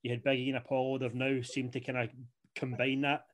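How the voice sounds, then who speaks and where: Speaking briskly in a level, mid-range voice, this young podcast co-host rambles his way through a casual wrestling chat. He leans heavily on the filler "you know."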